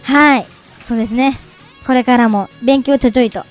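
On a slightly dull radio recording with faint music behind her, a cheerful teenage singer guesting on a radio show makes casual conversation. Her voice has a fairly high pitch, and she reads trivia out slowly and carefully.

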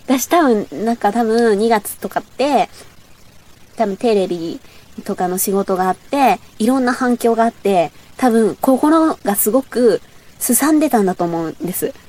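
A young woman from the Boso area of Chiba, speaking Boso dialect, hosts a casual solo radio talk show and reads out her old memos in a rambling, self-mocking way. Her voice is fairly high, expressive, and darkish in tone, at a moderate pace.

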